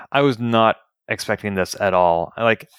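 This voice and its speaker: A man's voice: lowish voice, a little slow, fairly bright tone, clear, resonant tone, no echo, clean studio sound. A man co-hosting a podcast in casual chat, opinionated and analytical as he picks apart an episode. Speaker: podcast co-host.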